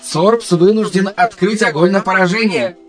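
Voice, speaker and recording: A man voicing a dull, lifeless male combat computer that speaks in a flat monotone. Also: sits high, normal speed, faint music behind, voice pushed up, lightly acted. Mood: flat, mechanical. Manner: monotone, droning, emotionless. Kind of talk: audiobook reading.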